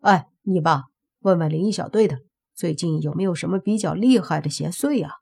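A woman's voice: fairly low pitch, brisk, gravelly, warm tone, slightly rough. A woman voicing an exasperated young man, the restless hero of an audiobook, with blunt, grumbling talk.

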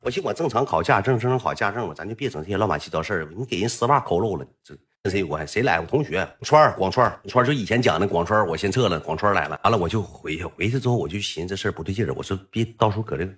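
A man with a Northeastern Mandarin accent telling a rambling story in a casual, animated way, swearing freely. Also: low voice, very fast, hardly any pauses.

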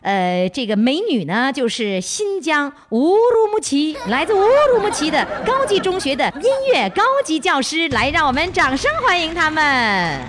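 A woman's voice: sits high, sing-song, normal speed, few pauses, fairly bright tone, faint music behind, some chatter behind. A woman with a Northeastern Chinese accent hosting a chatty radio interview, exclaiming, teasing and firing questions. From Northeast China. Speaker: radio programme host. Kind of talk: lively chatty on-location interview.

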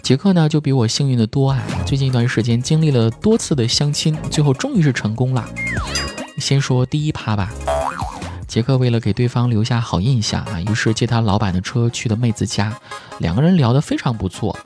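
A man hosting a comedy podcast, telling jokes and stories in a playful, animated way. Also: medium pitch, fairly quick. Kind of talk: scripted comic storytelling. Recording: music bed behind voice.

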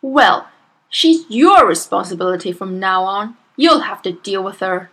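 A woman's voice: mid-range voice, expressive, measured pace, pushed and bright, heavily acted. A woman voicing a brash, impatient middle-aged father who snaps and blusters. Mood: irritable. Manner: snappy, blustering.

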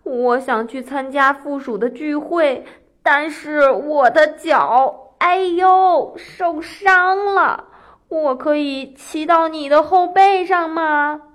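A woman doing a sly little storybook rabbit, high and loud. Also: fairly even intonation, a little slow, few pauses. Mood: pleading. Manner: playful and boastful. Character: sly, clever little male rabbit trickster.

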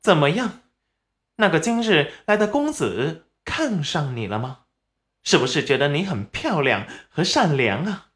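Greedy scheming peasant mother, put on by a narrator, raised eager voice, slow delivery. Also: medium pitch, very animated.

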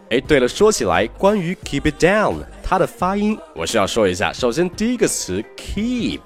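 A young man teaching English pronunciation, explaining in Chinese and modeling phrases slowly. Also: fairly low pitch. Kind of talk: online pronunciation lesson.

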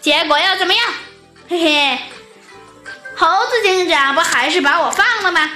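A sly, greedy male bug villain from a children's audio story, put on by a woman. He gloats in a high, bright voice with a smug, wheedling edge. The sound is roomy, with soft music underneath. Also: normal speed. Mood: gloating. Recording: echoey room with music.

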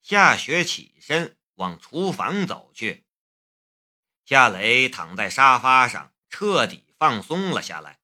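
A man narrating a novel as an audiobook, in a measured storytelling manner. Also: mid-range voice, very animated, sharp tone. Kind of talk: scripted narration.

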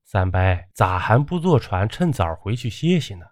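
A man's voice: on the low side, sing-song, normal speed, darkish tone, no room sound, clean studio sound. A man voicing a timid young male ferryman who talks in an anxious, pleading way. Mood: cautious.

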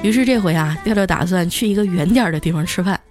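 A woman's voice: fairly low pitch, fast, a little mellow, soft background music. A woman host telling comic anecdotes in a chatty, scripted way. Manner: chatty, punchline-driven delivery. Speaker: comedy storyteller host. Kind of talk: scripted comedic storytelling.

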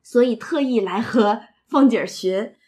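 A woman's voice: a little high, measured pace, darkish tone. A woman retelling and explaining a classic novel in a casual, chatty way, with asides and rhetorical questions. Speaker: literature storyteller and explainer.

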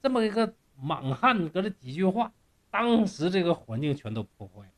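A man's voice: sits high, normal speed. A man retelling a classic tale in a folksy, joking way. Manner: animated, folksy, joking asides. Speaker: storyteller. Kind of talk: colloquial storytelling.

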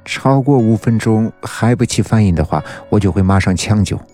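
A man voicing a tall, calm, detached man. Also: lowish voice, faint music behind, close to an everyday voice. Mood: flat. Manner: flat, unhurried, matter-of-fact.

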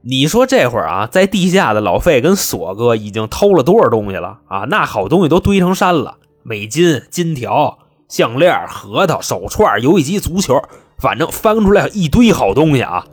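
A man's voice: medium pitch, big pitch swings, normal speed, slightly rough. A man telling a comic crime story in a chatty, punchy, colloquial way.

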